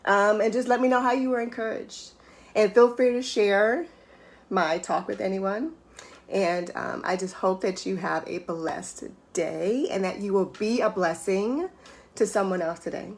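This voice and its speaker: A middle-aged woman, a life coach, giving an earnest, emotional faith-based motivational talk and acting out her inner thoughts in higher voices. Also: measured pace. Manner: earnest and emotional, voice breaking at times.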